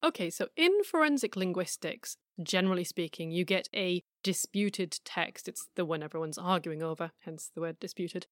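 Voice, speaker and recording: A middle-aged woman, narrating her own podcast from a script in a measured, emphatic way, with wry asides and rhetorical questions. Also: fairly low pitch, animated, no room sound, studio quality. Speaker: podcast host.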